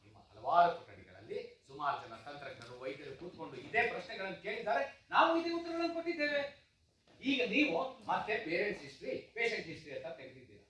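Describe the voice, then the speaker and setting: A man's voice: on the high side, fairly quick, a bit bright, lightly acted. A man acting a frustrated, earnest father who speaks emphatically in a stage play. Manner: emphatic, pleading. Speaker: father of a deaf child. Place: stage in a hall. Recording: echoey hall from far off, faint hiss.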